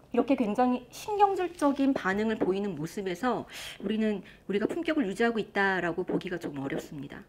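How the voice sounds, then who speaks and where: A woman lecturer and author giving a motivational talk on a stage before a live audience, lively and often asking the crowd questions. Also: mid-range voice.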